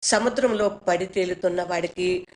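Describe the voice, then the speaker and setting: Low-voiced woman reading a story. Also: rough recording. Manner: measured, expressive first-person reading. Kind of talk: reading a short story aloud.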